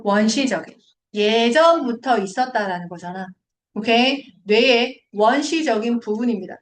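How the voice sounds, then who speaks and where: A young woman teaching an English class who keeps quizzing her students with quick questions as she explains. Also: on the high side, a little hiss or hum. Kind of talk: classroom lecture. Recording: roomy echoing classroom.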